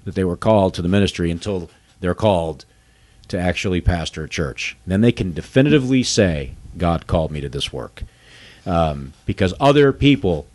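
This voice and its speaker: A man interviewing two guests in a measured, conversational way, thinking aloud in long, qualified sentences. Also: low voice, expressive, darkish tone, dry recording.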